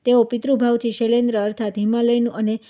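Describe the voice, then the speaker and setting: A woman narrating a devotional scripture story in a steady, measured reading. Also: fairly high pitch. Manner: steady, even devotional recitation.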